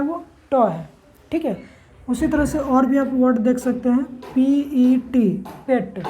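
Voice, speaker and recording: Woman teacher, mellow higher voice, spells out words, quizzes the listener. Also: muffled recording, slight background noise. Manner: spells words letter by letter and keeps asking rhetorical questions. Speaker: English teacher. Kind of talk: classroom-style lesson.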